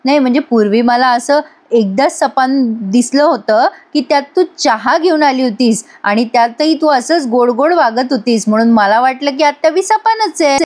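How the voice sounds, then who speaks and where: Old grandfather, dry mocking sarcasm, higher pitch, as a woman voices him. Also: expressive, moderate pace, a little mellow. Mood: sarcastic.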